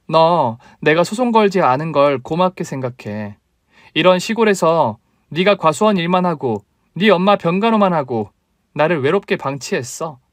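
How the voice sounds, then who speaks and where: A man's voice: high voice, no room sound, studio quality. A man voicing a selfish, demanding young wife who whines and accuses in a story radio drama. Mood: cold. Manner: whiny, accusing, nagging.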